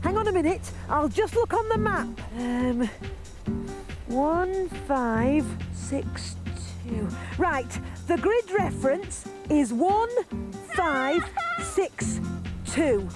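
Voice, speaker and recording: A woman's voice: sits high, very animated, takes it slowly, full character voice. A woman voicing an eager, caring young male teddy bear in an earnest, childlike way for a children's educational drama. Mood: helpful, careful. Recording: music behind the voice.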